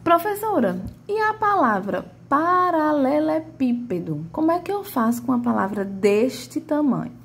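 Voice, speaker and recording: Eager student, high-pitched, curious, questioning, put on by a woman. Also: sing-song, unhurried, vocal fry, few pauses, exaggerated voice. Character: curious student asking the teacher.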